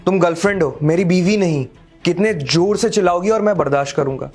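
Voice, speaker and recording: As Sahil, the scornful rich boyfriend of a dramatic short film, the young actor lectures with contempt and raises his voice when quarrels break out. His high voice is a little mellow and a little fast, with faint music behind it.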